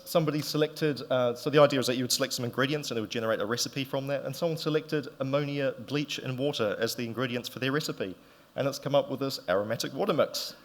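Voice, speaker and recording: A man giving a casual conference talk, chatty with fillers and restarts. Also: mid-range voice. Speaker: conference presenter. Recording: reverberant hall.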